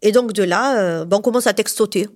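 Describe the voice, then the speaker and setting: Fast-talking woman telling a personal story. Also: medium pitch. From southern France. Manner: lively, full of fillers, acts out the voices of people in her story. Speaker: storyteller recounting a past relationship.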